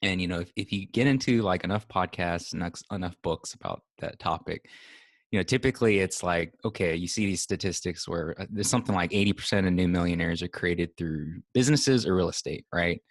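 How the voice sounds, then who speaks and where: A young man from Hawaii speaking as a podcast guest, relaxed and laid-back, with a lot of filler words. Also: sits low, a little fast, dry recording, studio quality. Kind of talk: casual conversation.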